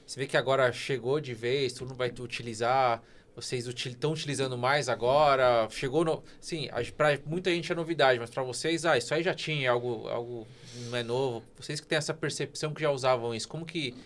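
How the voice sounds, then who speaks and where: A man's voice: mid-range voice, steady tone, brisk, few pauses, fairly bright tone, slight background noise. A man hosting a casual podcast interview, asking long, rambling questions. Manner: rambling, loosely phrased questions. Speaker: podcast host.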